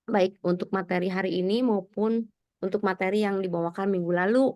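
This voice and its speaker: A woman's voice: mid-range voice, steady tone, brisk, no echo, lo-fi sound. A woman moderating a seminar, friendly and inviting as she opens the questions. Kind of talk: hosting Q&A.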